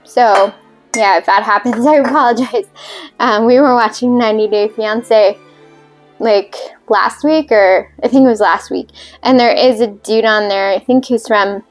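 This woman's voice is fairly high and steady, at a normal speed, with soft music in the background. She hosts a cocktail video, mixing drinks as she talks casually, rambling, full of fillers and self-deprecating humor.

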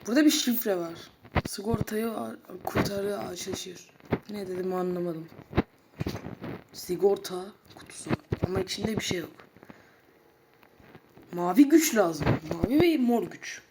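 Woman gaming host, casual horror playthrough chatter, mid-pitched, noisy recording with clicks. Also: moderate pace. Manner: chatty, talks to viewers, sudden loud outbursts. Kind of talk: casual horror game commentary.

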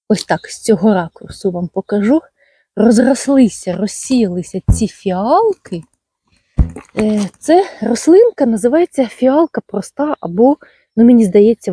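A woman strolls through her garden talking casually to her viewers, fond and chatty, with lots of little endearments. Her voice is very dark and mellow with a husky, breathy edge. It sounds close and dry outdoors. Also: mid-range voice, no room sound. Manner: chatty and fond, full of tender diminutives. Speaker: gardening channel host. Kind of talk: casual garden walk-and-talk.

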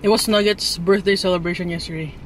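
A man's voice: sits high, fast talker, slight background noise, rough recording. Man talking through a mouthful of chicken. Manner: relaxed, offhand remarks between bites. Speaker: mukbang co-host. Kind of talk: casual eating chat. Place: inside a car.

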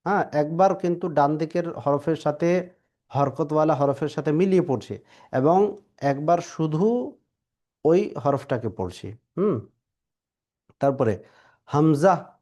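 A male Quran reading teacher with a slightly raised voice works through a phonics lesson. He spells out each Arabic letter syllable by syllable, stretching the sounds into long, unhurried drills. His whole delivery stays very slow. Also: a little high, lively intonation, dark tone.

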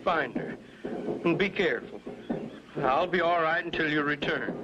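A man's voice: fairly high pitch, a little slow, background noise, lightly acted. A man voicing a fretful middle-aged rancher and father in a cartoon, speaking in an emphatic way. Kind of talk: 1950s cartoon voice acting. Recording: dull lo-fi soundtrack with music.

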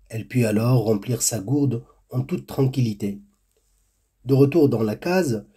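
Man, storyteller, folk tale narration, slow, mellow dark voice. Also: medium pitch, breathy edge. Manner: measured, deliberate telling.

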